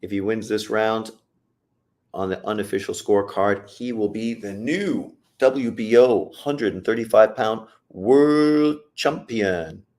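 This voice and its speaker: A man speaks slowly in a lowish, darkish voice while hosting a livestream, calling a boxing fight in real time. Old enough to say he got old, he answers chat questions bluntly, with plenty of profanity and jokes, in casual commentary.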